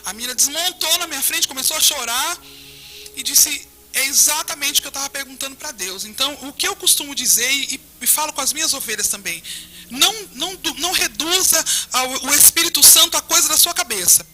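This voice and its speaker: A woman's voice: sits high, fairly quick, soft background music. A woman pastor with a Brazilian accent, telling her faith testimony in an interview and acting out the dialogue. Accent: Brazilian Portuguese. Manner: animated storytelling, acting out dialogue with God. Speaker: pastor and guest.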